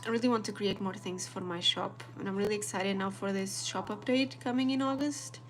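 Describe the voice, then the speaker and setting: A woman's voice: mid-range voice, a little fast, a little hiss or hum. Young Portuguese woman chatting while journaling. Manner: chatty, relaxed, talks to viewers while drawing. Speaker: planner artist and vlogger. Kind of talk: casual live-stream chat while journaling.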